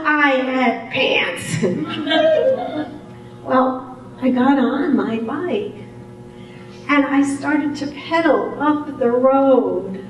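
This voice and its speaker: An older woman tells a personal story to a live audience, unhurried and expressive, with a bright, fairly high voice. She stands well back from the microphone, and her words ring out in a very echoey hall. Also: muffled recording. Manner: unhurried, expressive delivery with amused laughter. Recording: very echoey hall, voice far from the mic.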